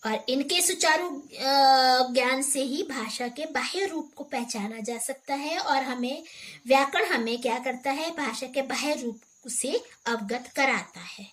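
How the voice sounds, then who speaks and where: Slow, high-pitched woman teaching a lesson. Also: fairly bright tone. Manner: explains point by point with fillers and rhetorical questions. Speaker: teacher educator. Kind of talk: teaching lecture.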